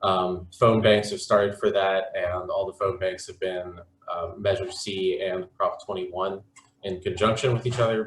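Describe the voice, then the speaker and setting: A man's voice: low voice, reverberant, slight background noise, rough recording. A man speaking as a campaign representative on a video call, rambling and hesitant with many fillers. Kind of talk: casual spoken pitch at an online forum.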